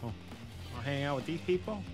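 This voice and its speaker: Brief: man streaming a game, playful and sarcastic, a touch higher voice, faint music behind. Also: animated, brisk. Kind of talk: casual gameplay commentary.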